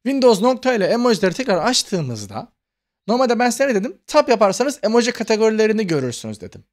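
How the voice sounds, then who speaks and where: A man's voice: high-pitched, big pitch swings, fast talker. A man hosting a computer tutorial, chatty and explanatory, often addressing viewers as friends. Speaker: tutorial host. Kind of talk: screen-recorded computer tutorial.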